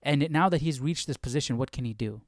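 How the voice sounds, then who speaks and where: Here a Bible study host on a livestream reads and comments at a quick pace in a medium-pitched voice, keeping things casual and regularly checking in with the listener. The recording is dry and of studio quality.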